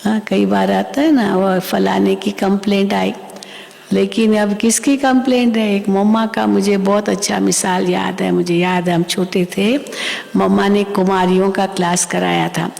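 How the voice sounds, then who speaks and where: A woman's voice: mid-range voice, level tone, unhurried, creaky, a little mellow. A woman spiritual teacher giving a sermon class, telling stories and acting out the voices she quotes, often asking her listeners questions. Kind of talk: murli class sermon with anecdotes. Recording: long hall reverb.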